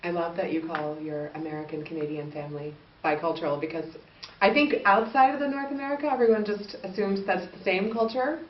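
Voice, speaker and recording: A woman hosts an interview, her voice on the low side, steady and brisk, as she asks questions in a friendly, chatty way and laughs easily. She sits far from the mic, so the recording sounds distant, echoey and muffled, with hiss.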